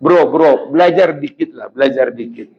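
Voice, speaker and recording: A man preaching a humorous religious lecture, teasing his audience and breaking into sudden loud outbursts. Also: medium pitch, animated, measured pace, creaky, highs cut off. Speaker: Islamic preacher.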